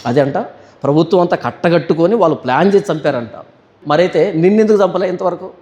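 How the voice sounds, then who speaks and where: A male pastor leads a Bible study in a notably high voice. He puts rhetorical questions to his listeners and answers them himself, slowing down to read scripture with care. The recording carries a long, lingering hall reverb. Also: dark tone. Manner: reads scripture verses slowly and deliberately.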